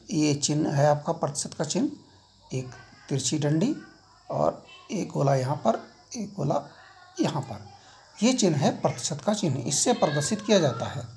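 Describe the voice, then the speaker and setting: A man's voice: sits high, darkish tone. A middle-aged man teaching a school maths lesson, repeating key points and asking his students questions as he explains.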